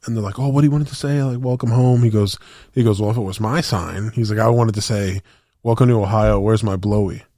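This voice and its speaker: A man's voice: mid-range voice, fairly even intonation, fast talker, warm tone, no room sound, clean studio sound. A young man on a podcast, telling a story in rambling, slangy casual chat with lots of restarts. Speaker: podcast co-host.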